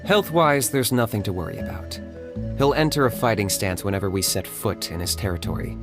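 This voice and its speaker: A man playing a cool, reserved, pragmatic young warrior in a video game, speaking in a measured, matter-of-fact way. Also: fairly low pitch, music in the background, close to an everyday voice. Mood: thoughtful, serious.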